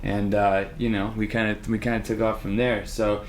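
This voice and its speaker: Easygoing male co-host, low voice. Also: little pitch movement, moderate pace, slight background noise. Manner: easygoing, agreeable, frequent laughter and short affirmations. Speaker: music teacher and co-host. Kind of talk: casual chat.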